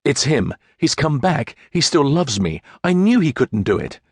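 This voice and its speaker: A man's voice: a little high, sing-song, unhurried, slightly rough, dry recording, clean studio sound, voice pushed up, exaggerated voice. A man voicing a desperate young wife in an audiobook, pleading and breathless. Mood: hopeful.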